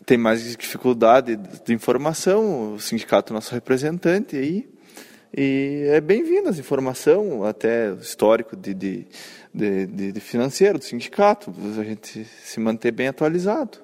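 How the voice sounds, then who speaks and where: A man's voice: medium pitch, sing-song, moderate pace, darkish tone. Young rural guy stumbling over his words, echoey hall. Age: young adult. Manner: hesitant, repeating words. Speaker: young rural leader, agricultural technician. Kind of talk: casual interview answers.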